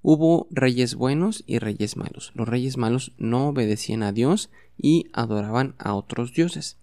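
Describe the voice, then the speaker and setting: Man, podcast English teacher, gravelly, mellow, patient repetition, bilingual lesson. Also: mid-range voice, unhurried, clean studio sound. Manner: patient, repeats words for the listener to echo.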